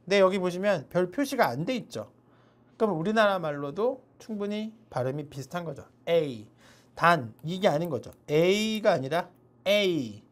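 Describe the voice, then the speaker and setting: A woman leads an online English pronunciation lesson, explaining each letter sound and repeating it slowly for the viewer. Her voice sits a little low yet moves lively up and down as she explains. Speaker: English teacher.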